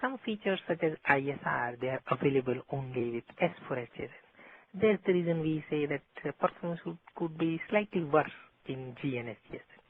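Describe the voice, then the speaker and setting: A man's voice: fairly high pitch, animated, brisk. A man giving a methodical technical lecture, heard over a landline phone as an instructor explaining step by step. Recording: tinny landline phone line.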